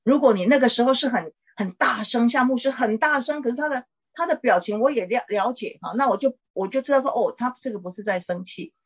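A middle-aged woman, a pastor's wife, gently teaching and counseling a caller in a chatty way with small laughs. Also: fairly high pitch, fast, hardly any pauses, slightly rough, muffled recording. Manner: warm conversational teaching, frequent "哈" tags and laughs.

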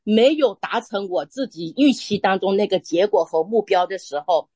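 A woman telling a personal faith testimony in conversation, earnest and halting, restarting her phrases often. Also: medium pitch, expressive, darkish tone, husky, no echo. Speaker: church member sharing testimony.

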